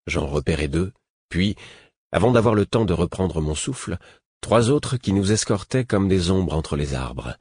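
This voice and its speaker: A man reads a fantasy audiobook in the first person with a steady storytelling delivery. His voice is very low and husky. The sound is dry and close, with no room around it. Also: unhurried, dry recording. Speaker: narrator. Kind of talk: audiobook narration.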